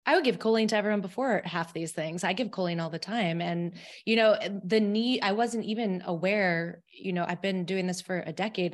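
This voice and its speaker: A woman hosting a podcast speaks with a slight upstate New York accent. She is chatty and enthusiastic, in a somewhat low voice for a woman. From Albany, New York. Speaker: podcast host, nutrition practitioner. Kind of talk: conversational podcast interview.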